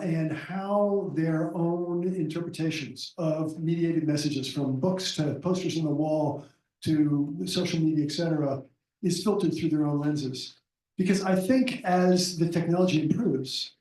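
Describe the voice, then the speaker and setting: A man's voice: on the high side, a little mellow. Distant man posing a long audience question. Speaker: audience member asking a question. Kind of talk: extended audience comment. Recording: echoey, distant audio.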